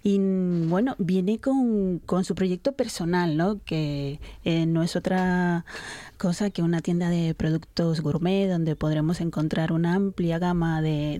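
Venezuelan lady co-hosting radio, mellow lowish voice, dry close sound, upbeat. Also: dry recording. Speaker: radio co-host. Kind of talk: casual radio chat.

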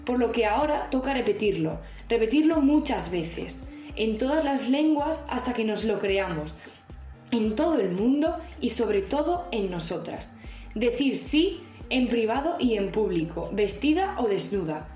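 A female columnist with a fairly high voice reads her scripted piece in a measured, earnest tone. The recording sounds roomy, and soft music runs underneath. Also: big pitch swings. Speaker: radio columnist. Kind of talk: scripted opinion reading.

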